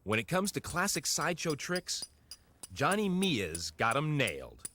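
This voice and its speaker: A man's voice: a little high, wildly swooping pitch, measured pace, sharp tone, a little hiss or hum. A man hosting and narrating a TV show in a scripted, playful, wry way. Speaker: host.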